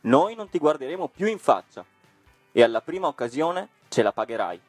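A man's voice: fairly high pitch, very animated, normal speed, husky, dry recording, soft background music, pitched above the performer's own voice. A man reading a storybook and voicing a gang of rowdy schoolboy bullies, scornful and threatening.

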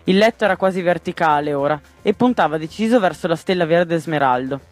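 A man narrating a children's storybook in a gentle, measured way. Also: a little high, expressive, faint music behind. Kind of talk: storybook reading.

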